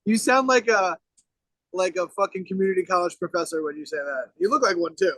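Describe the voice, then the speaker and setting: Brash high-voiced man swearing freely. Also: a little fast, sharp tone, no echo, poor audio. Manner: brash, rambling, swears constantly. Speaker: podcast co-host. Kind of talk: casual profane chat. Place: outdoors.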